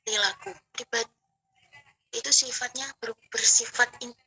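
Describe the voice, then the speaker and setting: A woman giving an online lecture, explaining slowly with frequent fillers, her video-call audio breaking up and cutting out. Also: fairly high pitch, level tone, sharp tone, husky, dry recording. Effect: choppy video-call audio breaking up.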